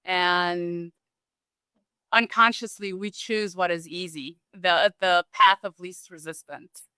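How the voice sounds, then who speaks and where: A woman from Romania talking as a guest in a relaxed, thoughtful interview, with restarts and small laughs. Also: fairly low pitch, takes it slowly, clean tone, dry recording. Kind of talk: casual conversational interview.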